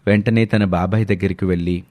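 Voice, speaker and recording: Casual one: guy reading a story aloud, lowish voice, steady, dry sound. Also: a little fast, no echo. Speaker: narrator. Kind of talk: scripted story narration.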